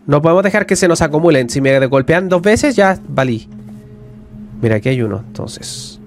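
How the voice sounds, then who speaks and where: A man giving casual let's-play commentary on a horror game, jumpy and talking to his viewers, yelling when he is attacked. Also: on the high side, expressive, moderate pace, faint music behind. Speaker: gaming YouTuber.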